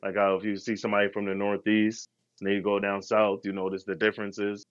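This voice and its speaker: A man's voice: fairly low pitch, completely flat delivery, fast talker, dry recording, muffled recording. A man co-hosting a podcast, telling travel stories in a slangy, laid-back, rambling way. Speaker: podcast co-host. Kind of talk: casual travel storytelling.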